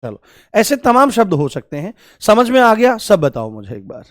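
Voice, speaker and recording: This fairly high-voiced man teaches Hindi grammar in a live online session, sounding sing-song at a moderate pace. He says each important word twice and keeps inviting students to offer examples, captured in a dry, close recording with no echo.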